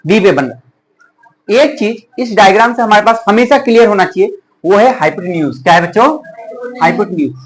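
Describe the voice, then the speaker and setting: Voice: mid-range voice, animated, fairly quick, slight background noise, rough recording. A teacher giving a classroom math lesson, asking the pupils a question and then repeating the answer back to them. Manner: addresses pupils as children and dear.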